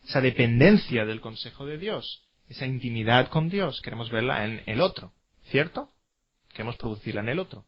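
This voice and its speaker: A man's voice: mid-range voice, highs cut off. A man teaching a classroom lecture, emphatic, repeating key words and asking rhetorical questions.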